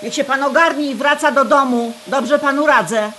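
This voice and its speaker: Actress as a high-voiced, scolding cleaning lady. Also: moderate pace, a bit bright, slight background noise. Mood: grumbling. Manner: scolding, blunt, colloquial. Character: grumbling, scolding cleaning lady, married and fed up. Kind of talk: audio drama acting.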